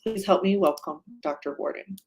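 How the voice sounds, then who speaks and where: A woman's voice: medium pitch, normal speed, a little mellow, husky, rough recording. A woman moderator reading a formal introduction in a polished, announcer-like way.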